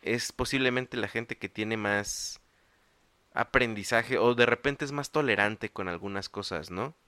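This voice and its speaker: Male host, low, bright and punchy, slangy and chatty. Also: unhurried, clear, resonant tone, dry recording. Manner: chatty, slangy, asks follow-up questions. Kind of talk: casual interview conversation.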